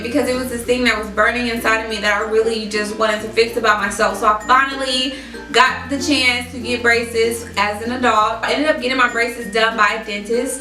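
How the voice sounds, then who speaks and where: Young woman doing a chatty storytime vlog, echoey room, mic a bit far off, expressive. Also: a little high. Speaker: vlogger. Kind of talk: casual storytelling to camera.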